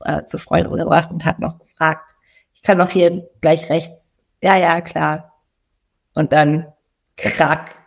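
Lower-voiced woman, playful and laughing. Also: breathy edge. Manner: playful, quick to laugh, dramatic retelling. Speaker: podcast co-host. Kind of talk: casual chat.

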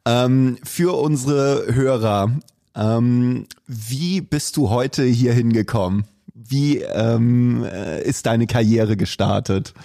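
A man's voice: medium pitch, takes it slowly, vocal fry, mellow, no room sound, studio quality. A man hosting a podcast in a casual, informal conversational way. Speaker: podcast host.

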